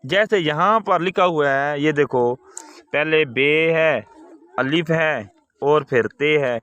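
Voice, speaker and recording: A patient male teacher walks young children through a recorded lesson. He speaks in a fairly high voice, repeating key words and asking little quiz questions. He then waits for the answers. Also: slow, a bit bright, highs cut off.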